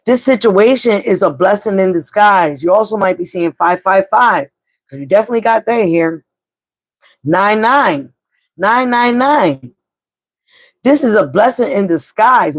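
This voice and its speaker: Middle-aged woman, live tarot reader, blunt and encouraging, swears casually, mid-range pitch. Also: breathy edge. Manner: blunt, swears casually, pep-talk delivery.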